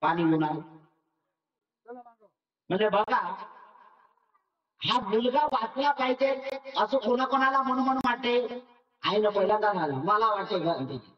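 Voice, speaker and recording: Brief: high-voiced male monk, animated sermon storyteller, picked up from far off in a roomy hall. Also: a little slow, pauses often. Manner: animated storyteller acting out the characters. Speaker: Buddhist monk. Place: meditation camp hall. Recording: dull, echoey, from far off.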